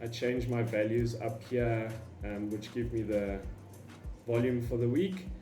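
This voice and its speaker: A man's voice: medium pitch, fairly even intonation, a little slow, dark tone. A man giving an informal vlog explanation in an opinionated, emphatic way. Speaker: running vlogger. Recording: roomy echo, faint music behind.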